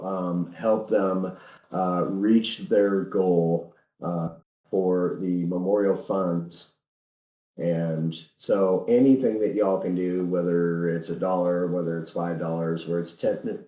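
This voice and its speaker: Over dull, roomy-sounding audio, a deep-voiced man runs a racing livestream while fighting off a head cold. He gives casual commentary in an earnest, folksy manner, halting at times.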